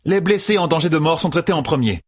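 Guy doing a bossy healer lady, curt and scolding, husky and a bit higher. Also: expressive, quick pace. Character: stern female healer matriarch, commanding, blunt. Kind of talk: audiobook character voice.

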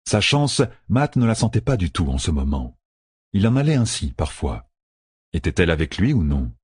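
A man narrating a story in a measured, dramatic way. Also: low-pitched, big pitch swings, darkish tone, slightly rough, dry recording. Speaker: audiobook narrator. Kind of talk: scripted narration. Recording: dry close recording.

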